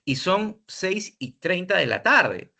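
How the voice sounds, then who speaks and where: A man training university teachers, talking in an animated way, with many tag questions and repeated words, recorded indoors at a computer. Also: high voice, slow, gravelly. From Peru. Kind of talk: training talk to teachers on video lessons.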